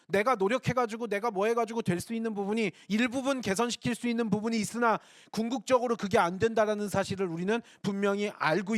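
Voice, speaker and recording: A man's voice: high voice, no room sound, studio quality. A man preaching a sermon in church, earnest and conversational, often turning to speak directly to the congregation. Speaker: pastor.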